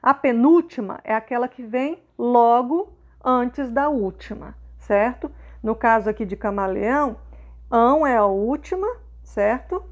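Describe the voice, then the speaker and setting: A woman's voice: a little high, measured pace, lo-fi sound. A woman teacher patiently walks young pupils through schoolwork, often checking in with short questions.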